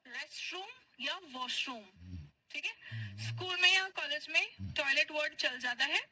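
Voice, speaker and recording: A woman teaching spoken English, patiently drilling short phrases and repeating them slowly. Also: high-pitched, sharp tone, no room sound, rough recording. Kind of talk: spoken English class for Hindi speakers.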